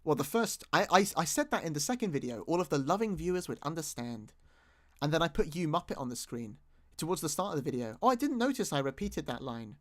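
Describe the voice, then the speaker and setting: A man's voice: on the high side, sing-song, fast talker, fairly bright tone. A British man giving casual, rambling commentary as he rewatches his own video, often restarting his sentences and poking fun at himself. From Britain. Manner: rambling, self-mocking, many restarts. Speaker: YouTube creator.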